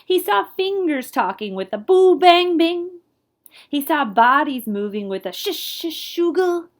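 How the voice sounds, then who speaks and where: In a measured read-aloud of a children's picture book, a woman playing a librarian lets her pitch swing widely and sprinkles in playful, scat-like sound words. Her delivery is lively, and she pauses the story at times to talk directly to her audience.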